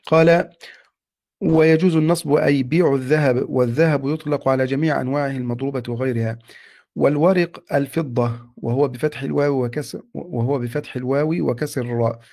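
A man's voice: medium pitch, a little fast, creaky. Man reading a classical text aloud. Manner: steady, respectful recitation. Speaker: student reading a text to his teacher.

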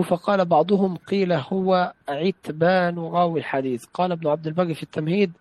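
A man's voice: high voice, a little mellow, dry recording, poor audio. A man reading a classical text aloud in a study session, carefully reciting and repeating phrases when corrected.

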